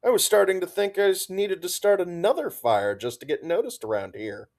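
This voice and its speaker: A cheeky young woman soldier banters in a quick, teasing way, her voice lifted well above an ordinary man's register. She sounds playful rather than hostile, as a man reading the story acts her out. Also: high-pitched, pitched above the performer's own voice.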